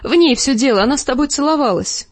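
A woman's voice: high voice, animated, fast talker, dry recording, pitched above the performer's own voice. A woman voicing a jealous, hysterical noblewoman who screeches and pleads through tears. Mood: shrill hysterical.

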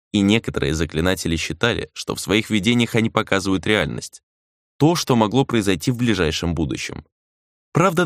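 A man reading a dark fantasy novel aloud as an audiobook narrator, measured and dramatic, slowing down for emphasis. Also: on the low side, no room sound, studio quality.

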